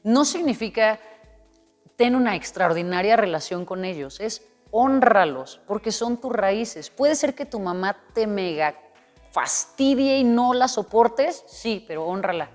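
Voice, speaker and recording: A woman's voice: mid-range voice, lively intonation, measured pace, darkish tone. A woman explaining things earnestly as a guest coach in an interview, sometimes acting out an inner voice. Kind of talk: interview conversation. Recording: long reverb with faint music.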